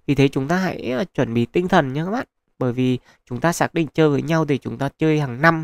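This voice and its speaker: A gaming channel host, his voice fairly high and gravelly, narrates mobile gameplay over a screen capture. The close-mic recording is dry and studio quality, and he keeps things casual and talkative, with lots of filler words.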